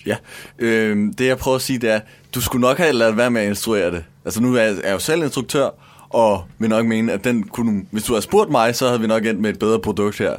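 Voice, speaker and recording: A man's voice: lowish voice, dry recording. Blunt man. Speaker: radio co-host. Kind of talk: comic studio banter.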